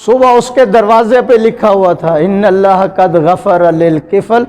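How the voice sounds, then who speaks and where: A man's voice: sits high, darkish tone. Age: adult. Sex: man. Role: preacher giving a live sermon. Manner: dramatic storytelling, teases the crowd. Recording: echoey hall with PA. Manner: dramatic storytelling, teasing the audience, chanting verses melodically. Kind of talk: live Islamic sermon to a gathering.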